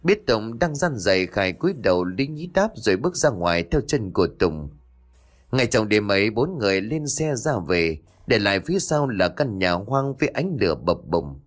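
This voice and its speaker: Guy telling a ghost story, low voice that swings around a lot, dramatic. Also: sing-song, moderate pace. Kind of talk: scripted ghost story narration.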